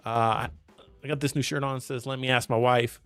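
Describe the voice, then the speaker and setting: A man's voice: medium pitch, steady tone, moderate pace, a bit bright, clean tone, no room sound, faint music behind. A young man hosting a casual gaming stream, chatty and laid-back, talking while his voice is worn. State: losing his voice. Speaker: streamer host.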